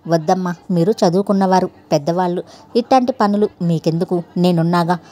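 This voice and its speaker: A woman's voice: lowish voice, brisk, warm tone, close to an everyday voice. A woman reading the lines of a humble, deferential young village housemaid in a storybook. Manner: respectful, self-effacing.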